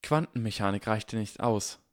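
A man voicing a clever, excitable young schoolboy wizard in an audiobook, eager and lecturing. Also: fairly low pitch, moderate pace, dry recording, clean studio sound, lightly acted. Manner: eager, lecturing, barely restrained. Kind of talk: audiobook character voice.

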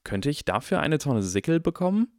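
A man voicing an eager, clever boy of about eleven in an audiobook, asking quick, earnest questions. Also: fairly high pitch, very animated, no room sound, studio quality, voice pushed up. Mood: inquisitive. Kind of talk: audiobook character voice.

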